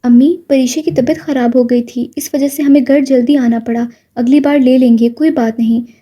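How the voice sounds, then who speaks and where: Woman reading as a sweet worried cousin, soothing, high mellow voice. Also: fairly even intonation. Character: caring young woman, protective cousin.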